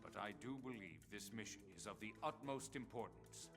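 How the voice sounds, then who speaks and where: A stern director general. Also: male voice, lowish voice, vocal fry, over music. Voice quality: measured, authoritative, dry. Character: stern commanding male director general, middle-aged. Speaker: game character.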